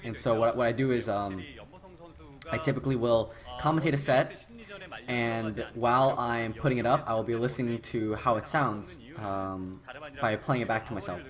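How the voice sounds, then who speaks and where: A man giving casual, rambling play-by-play commentary on a video game match by himself. He swears freely, bursts into excited yelling, and his voice sounds tired and his throat dry. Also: medium pitch, moderate pace. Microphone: new desktop microphone.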